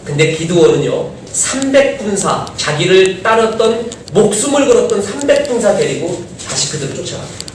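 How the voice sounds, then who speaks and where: Male pastor, sermon, high lively voice, rhetorical questions, very echoey hall, distant mic, faint hiss. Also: moderate pace. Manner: animated, acts out biblical quotes, rhetorical questions. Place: church sanctuary.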